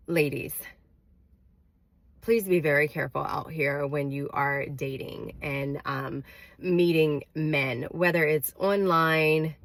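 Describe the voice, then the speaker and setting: Slow, low-voiced congested woman. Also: fairly bright tone, dry recording. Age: adult with a daughter. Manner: earnest, careful, many fillers. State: congested, under the weather. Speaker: vlogger. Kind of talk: casual advice to camera.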